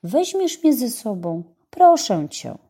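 A woman's voice: fairly high pitch, very animated, slow pace, dark tone, husky, pitched above the performer's own voice, heavily acted. A woman reading a storybook, voicing an eager, stubborn little boy who pleads insistently. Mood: pleading.

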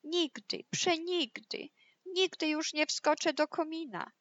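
A woman voicing a hungry, furious male wolf in a storybook reading, with loud, menacing shouts. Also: sits high, takes it slowly, no echo, dull audio, pitched above the performer's own voice. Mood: whimpering.

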